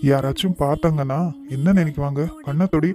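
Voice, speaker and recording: Guy doing a sweet coaxing husband in a cartoon, mellow voice. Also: a little high, fairly even intonation, brisk, lightly acted. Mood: comforting. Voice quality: tender, coaxing. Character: gentle caring young husband.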